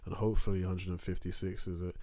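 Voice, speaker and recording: A young man talks through a beat-making tutorial in a very deep voice, filling gaps with ums and restarts. The sound is dry and close, with no room around it. He sometimes drifts away from his desk mic. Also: little pitch movement, fast talker, darkish tone, dry recording. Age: young adult. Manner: rambling, filler-heavy, self-interrupting. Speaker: music production tutor. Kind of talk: casual screen-recorded tutorial. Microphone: desk microphone, sometimes turned away from.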